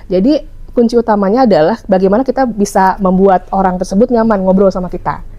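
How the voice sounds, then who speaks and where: A woman's voice: mid-range voice, steady tone, fast talker, warm tone, dull audio. Chatty Sundanese-accented woman explaining. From West Java, Indonesia. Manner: chatty, explanatory, frequent fillers. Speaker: hotel public relations officer. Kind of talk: conversational podcast interview.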